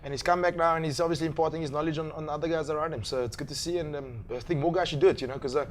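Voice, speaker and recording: A man giving relaxed studio comment on rugby. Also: a little high, rapid-fire, slight background noise.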